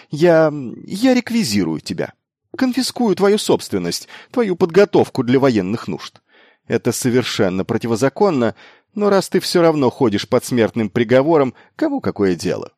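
A man voicing a brash, quick-witted young male noble commander who talks insistently and urgently. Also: low voice, darkish tone, no room sound, clean studio sound. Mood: fervent insistence.

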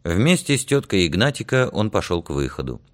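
Low-voiced male audiobook narrator. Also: very animated, fairly quick.

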